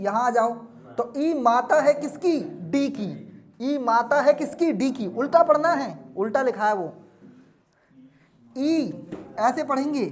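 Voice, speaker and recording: A man teaching a classroom lesson, drilling students with repeated questions and answers and scolding them now and then. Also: extremely high pitch.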